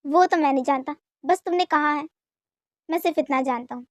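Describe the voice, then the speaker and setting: A woman's voice: high-pitched, brisk, no room sound, close to an everyday voice. A woman voicing an indulgent, evasive young husband who hesitates and stammers in an amateur romantic fan dub. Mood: placating.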